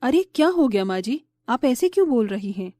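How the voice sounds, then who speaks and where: Woman voicing a meek, gentle young wife. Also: a little high, sing-song, a little fast, no echo. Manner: soft, humble and obliging. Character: meek, gentle young daughter-in-law, patient and kind. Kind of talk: storybook voice acting.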